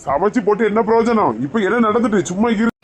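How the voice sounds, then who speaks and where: A man's voice: high voice, lively intonation, quick pace, slight background noise. A man with a Kanyakumari Tamil accent playing a quarrelsome husband in a comic skit, scolding and arguing. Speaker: comedy skit actor.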